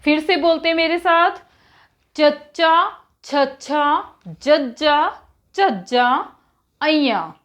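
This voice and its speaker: Slow, patient high-voiced woman teacher. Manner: patient, repeats letters for children to follow. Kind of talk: slow children's alphabet lesson.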